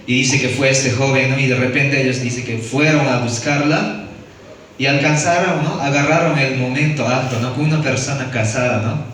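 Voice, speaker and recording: A man's voice: medium pitch, steady tone, moderate pace, a bit bright. A man preaches a sermon, retelling a Bible story and checking in with his listeners as he goes. He sounds set back from the mic in a hollow, strongly echoing room, with a faint hiss underneath. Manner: storytelling, frequent "¿no?" and "hermanos". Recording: echoey room from far off.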